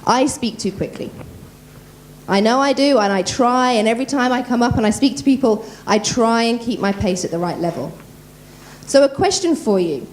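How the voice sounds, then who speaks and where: A woman voice coach giving a lively workshop at a conference, talking quickly and quizzing the audience. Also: on the high side, a little hiss or hum. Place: conference room.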